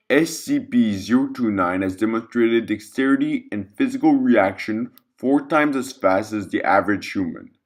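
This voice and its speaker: As narrator of a fiction audio log, a man with a lowish voice reads a scripted, clinical containment report in a formal, measured way.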